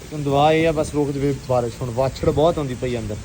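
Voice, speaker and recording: A man's voice: mid-range voice, quick pace, mellow. A man with a Pakistani Punjabi accent chatting casually as a vlogger, full of exclamations and repeated phrases, speaking outdoors in a village. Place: outdoors on a village farm in windy, rainy weather. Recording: noisy outdoor recording, faint weather and vehicle noise.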